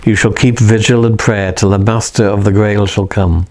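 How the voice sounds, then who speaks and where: A man reading the part of a calm, mysterious young man who speaks gently and solemnly. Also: fairly low pitch, normal speed, close to an everyday voice. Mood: serene.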